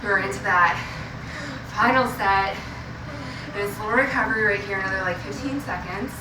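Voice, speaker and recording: A woman's voice: medium pitch, moderate pace, noisy background. A woman leading an indoor cycling class as instructor, giving short motivational cues and instructions. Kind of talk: fitness class coaching with countdowns and cues. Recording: roomy, distant mic under loud music. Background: loud workout music.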